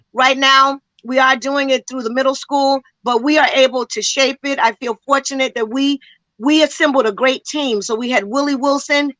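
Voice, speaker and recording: A woman's voice: sits high, sharp tone, no room sound, rough recording. A woman community educator speaking with passion in a panel discussion, emphatic and full of rhetorical questions, a little out of breath.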